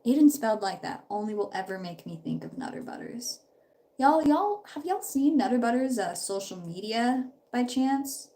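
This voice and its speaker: A slightly sick young woman in her twenties does her makeup while live streaming casually from her parents' house. She rambles upbeat in a fairly high, sing-song voice at a moderate pace, with a dark tone.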